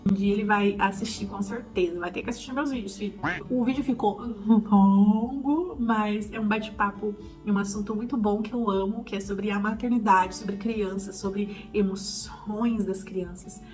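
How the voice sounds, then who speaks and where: Woman vlogging, confiding and heartfelt, mid-pitched, soft music underneath. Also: steady tone, moderate pace, low-quality recording. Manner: heartfelt, confiding, calls the viewers "gente". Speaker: parenting vlogger. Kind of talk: casual chat to the camera.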